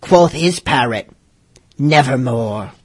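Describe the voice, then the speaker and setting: A man's voice: medium pitch, lively intonation, slow, husky, pitched below the performer's own voice. A man voicing a scary pirate who recites a grim parody shanty as a dramatic reading. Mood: spooky. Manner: theatrical, spooky storytelling.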